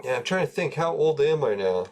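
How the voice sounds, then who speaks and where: This forties-aged Canadian gamer sounds very animated and brisk, with a fairly high voice. He chats loosely on his livestream, cursing a lot and cracking himself up with his own stories.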